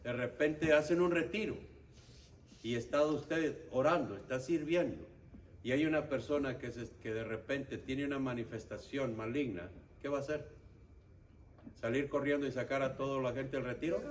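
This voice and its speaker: A man with a mid-range voice speaks at normal speed as a lay instructor of an intercession ministry, teaching a church prayer group. He's instructive and keeps checking that listeners follow. The mic is distant, with faint background noise.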